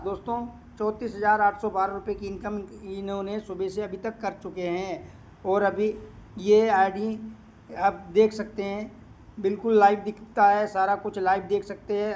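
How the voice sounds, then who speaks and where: A man walking viewers through a screen of earnings and doing the sums aloud, repeating the figures and pausing often to hesitate. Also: high voice, slight background noise. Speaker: crypto income promoter. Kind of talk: screen-share walkthrough with running calculations.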